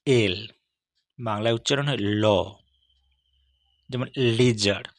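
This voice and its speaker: A man giving a steady, measured lesson as an English teacher, walking through letters one by one. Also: mid-range voice, dry recording, clean studio sound. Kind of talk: scripted lesson on English consonant sounds.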